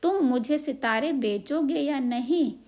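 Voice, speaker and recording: A woman's voice: sits high, a little slow, darkish tone. A woman voicing a cheeky, stubborn male mouse in a children's story, making demands and singing little threats. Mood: demanding. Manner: sing-song threats, insistent.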